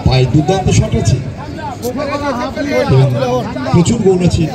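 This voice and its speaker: A man's voice: on the high side, animated, moderate pace. A man giving frantic, exclamatory live football commentary outdoors at a local ground. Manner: exclamatory, addresses the crowd. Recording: loud crowd and outdoor street noise. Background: loud crowd, outdoor urban noise.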